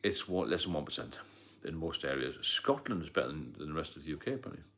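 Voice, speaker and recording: Middle-aged British livestream host, deep low voice, loose rambling delivery with fillers. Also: male voice, big pitch swings, fast, pushed and bright. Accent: British English. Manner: rambling, repetitive, frequent fillers and coughs. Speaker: livestream host, sobriety mentor. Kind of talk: casual live stream talk.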